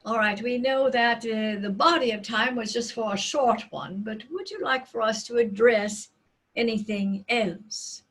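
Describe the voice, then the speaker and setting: Voicing a loving, tranquil spirit collective, a seance medium in trance speaks with tender feeling, solemn deliberate phrasing and dramatic pauses. Her pitch is fairly high and her tone a bit bright.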